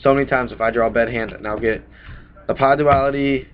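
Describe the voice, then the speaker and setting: Brisk and mid-range with fairly even intonation, a young man recovering from a cold talks loosely through his card deck in a small room, often punctuating with "bam." He vlogs about card games on a desk webcam, which gives dull, lo-fi audio with slight background noise.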